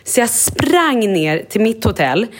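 A woman co-hosting a podcast from a hotel makeup room, telling stories excitedly and acting out quoted dialogue in a casual chat. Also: fairly high pitch, husky. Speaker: podcast co-host.

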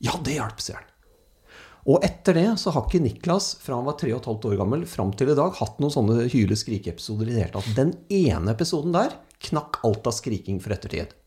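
Animated man. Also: medium pitch. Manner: animated storyteller, acts out quoted voices. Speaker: speaker telling stories. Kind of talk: casual anecdote telling.

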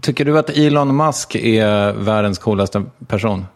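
A man hosting a podcast, interviewing in casual chat with teasing, dry jokes. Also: on the low side. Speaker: podcast host.

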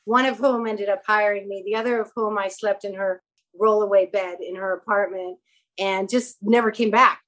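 A woman guest in a relaxed interview, spinning long, animated stories that jump around. She voices the people in them as she goes. Her pitch sits in an ordinary middle range. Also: moderate pace, poor audio. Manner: animated, rambling anecdotes with quoted dialogue. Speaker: guest, actress and clothing store owner. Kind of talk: casual storytelling interview.

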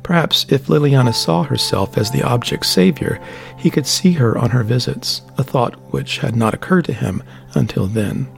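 A man reading a novel aloud as narrator, in a steady, descriptive way. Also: mid-range voice, moderate pace, creaky, soft background music. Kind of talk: audiobook narration.

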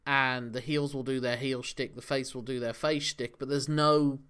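Man, casual podcast chat, analytical, laughs often, middle pitch. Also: little pitch movement, normal speed, fairly bright tone, clean tone. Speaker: podcast co-host. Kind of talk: casual wrestling discussion.

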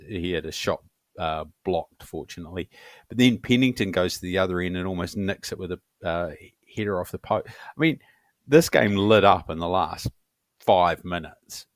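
A very low-pitched man co-hosting a casual football podcast. He talks in a relaxed, meandering way, filling pauses with ums. His voice sounds dry and close to the mic. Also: no room sound. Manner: relaxed, meandering, with fillers and laughs. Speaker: podcast co-host. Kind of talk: casual sports podcast chat.

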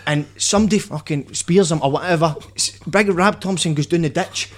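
A man with a west of Scotland accent telling casual stories in animated, sweary, matey banter. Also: a little high, a little fast. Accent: Scottish, west central. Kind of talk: casual storytelling chat.

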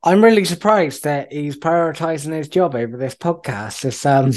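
A man's voice: fairly high pitch, normal speed, darkish tone. Chatty man, laughing easily. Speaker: podcast co-host. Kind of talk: casual football podcast chat.

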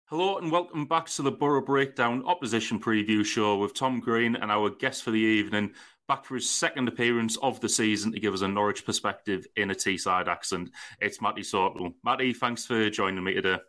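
Bright-voiced man hosting, fairly low. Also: a little fast. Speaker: podcast host. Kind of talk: casual football interview.

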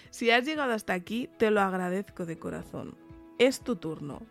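A woman's voice: mid-range voice, lively intonation, measured pace, soft background music. A woman with an accent from Spain giving an earnest, encouraging motivational monologue straight to the listener as a podcast host, speaking while sick with a sore throat. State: sick with tonsillitis and fever.

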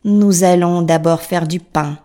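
A woman voicing a wicked, impatient old witch who barks loud scolding commands. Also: fairly low pitch, steady tone, a little slow, natural voice.

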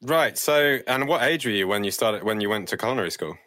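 A man's voice: fairly low pitch, expressive, fast talker, pushed and bright, dry recording. A man hosting a casual interview, upbeat and easily amused. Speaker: host.

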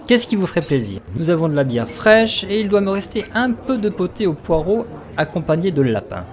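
A man's voice: high-pitched, sing-song, brisk, voice pushed up. A man voicing a round, jolly male innkeeper who greets his guests eagerly. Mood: jovial. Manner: eager, bubbly.

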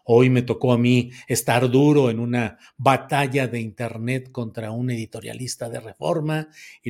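A man's voice: medium pitch, gravelly, darkish tone. A man with a Mexican accent hosting a casual commentary, reading viewer comments and answering them in a chatty, sardonic way. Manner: chatty, sardonic, drawn-out emphatic words.

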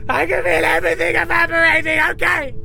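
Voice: very high voice, fast, creaky, bright, forceful tone, shouting, a little hiss or hum, exaggerated voice. An actor playing a whiny male hero in a comedy audio drama, hamming it up like an overacting stage actor with melodramatic wails. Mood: melodramatic panic.

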